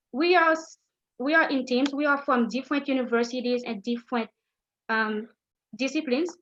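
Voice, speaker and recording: Earnest Haitian woman pitching over a call. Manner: earnest, steady, slightly halting. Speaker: startup founder pitching. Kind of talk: prepared pitch on a video call. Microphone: video call microphone. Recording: slightly muffled call audio.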